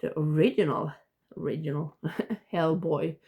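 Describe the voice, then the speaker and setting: A woman with a blocked nose giving a casual video review, rambling and haltingly, often interrupting herself. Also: deep voice, vocal fry, heavy background noise. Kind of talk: casual ranking review to camera.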